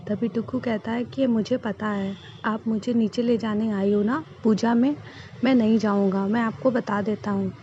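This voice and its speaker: Woman, fairly high voice, storytelling recap, dull lo-fi sound, noisy background. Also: steady tone, moderate pace, dark tone. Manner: storytelling, reads characters' lines in plain voice. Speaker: YouTuber recapping a TV serial. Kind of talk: casual spoken recap.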